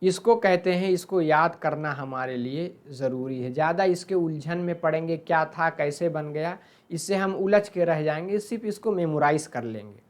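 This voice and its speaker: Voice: medium pitch, moderate pace. A teacher, patiently explaining a grammar lesson over slides and drilling verb forms aloud.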